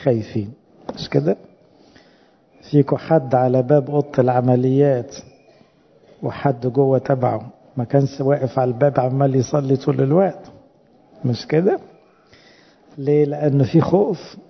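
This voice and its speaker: A man's voice: medium pitch, steady tone, normal speed, creaky, pauses often, husky, big-room sound, lo-fi sound. A man with an Egyptian Arabic accent preaching a sermon, asking the congregation rhetorical questions.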